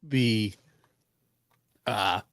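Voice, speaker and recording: A man's voice: on the low side, very slow, fairly bright tone, no room sound. A man co-hosting a podcast, chatting casually with wry, teasing remarks. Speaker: podcast co-host. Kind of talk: casual chat.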